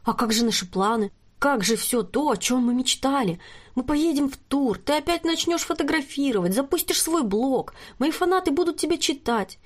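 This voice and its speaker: A woman reading the lines of a smooth-talking, manipulative young male star in an audiobook, in a soft coaxing manner. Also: sits high, animated, moderate pace, voice pushed up. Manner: coaxing, murmuring.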